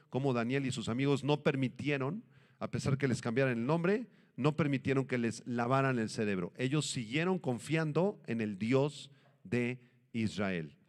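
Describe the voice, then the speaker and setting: A male pastor preaching an expository Bible sermon in a teacherly manner, often asking the congregation questions and answering them himself. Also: medium pitch.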